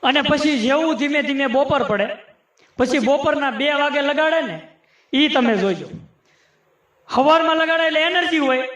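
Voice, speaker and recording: A man, his voice pitched very high, works a live folk comedy crowd with teasing, chatty asides. He slips into rhythmic recitations of rhyming sayings. The stage mic carries a roomy echo. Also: normal speed, long pauses, a bit bright. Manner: chatty, teasing, addresses audience as sir. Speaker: folk humorist.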